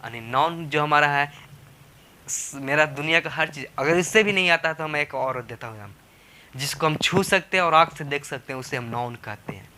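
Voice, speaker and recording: Bright, coaxing male teacher. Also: fairly high pitch, animated, moderate pace, slight background noise. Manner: repetitive, coaxing, asks rhetorical questions. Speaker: spoken English teacher. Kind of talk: classroom lesson explaining grammar.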